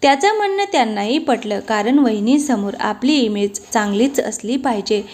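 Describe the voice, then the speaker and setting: Expressive woman reading a family story. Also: a little high, moderate pace. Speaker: narrator.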